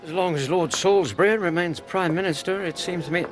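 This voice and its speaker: An actor playing a genial, easily astonished Victorian doctor with an English accent and a courteous, bemused manner in a radio drama. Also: male voice, sits high, a little fast, faint music behind, lightly acted.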